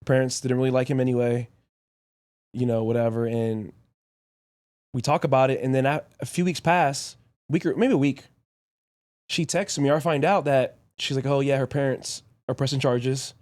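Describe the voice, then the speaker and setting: A man's voice: medium pitch, fairly even intonation, darkish tone. A young man hosting a podcast, telling a story casually in short, blunt, profane bursts. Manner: blunt and profane, rapid anecdotes in short clauses. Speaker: podcast host.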